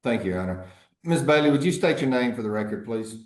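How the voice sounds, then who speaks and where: A man speaking as an attorney in a courtroom recording, formally questioning a witness in a measured, halting way. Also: medium pitch, lively intonation, reverberant. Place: courtroom hearing.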